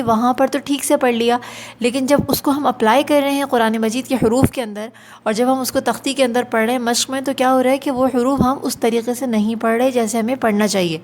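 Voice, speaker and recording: Woman teaching Quran letters. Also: a little high. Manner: patient, repeats letters slowly for students. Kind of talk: online tajweed lesson.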